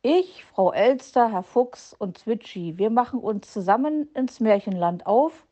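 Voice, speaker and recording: A woman voicing a pompous male raven who croaks and calls everyone to order, in a storybook reading. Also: on the high side, lively intonation, a little slow, warm tone, muffled recording. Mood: commanding.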